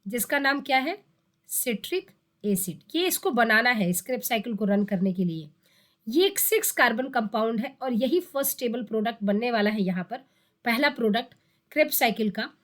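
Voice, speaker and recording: A woman gives a biology lesson for exam students, her voice sitting high. She explains step by step, repeats terms for emphasis and poses questions to herself before answering. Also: lively intonation, moderate pace, a bit bright. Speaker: biology teacher. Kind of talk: exam-prep lecture.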